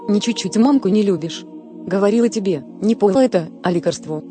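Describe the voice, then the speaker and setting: A woman voicing a drunk, grumbling village mother who is hungover and cold, in a snappish, groggy way, with a dark, mellow tone. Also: mid-range voice, animated, a little fast, faint music behind, natural voice.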